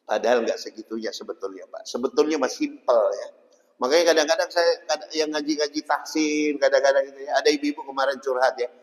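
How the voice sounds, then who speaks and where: Chatty preacher in a ringing mosque. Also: male voice, mid-range voice, fast. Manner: jokey, chatty, keeps tagging "Pak" and "ya". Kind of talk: casual dawn-study sermon. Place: mosque hall. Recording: long mosque-hall reverb.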